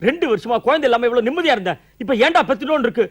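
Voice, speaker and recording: An actor playing a flustered young husband and new father, firing off quick puns and exasperated complaints in a stage comedy. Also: very high-pitched, animated, husky, heavily acted. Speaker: lead comic actor. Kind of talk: Tamil stage comedy acting.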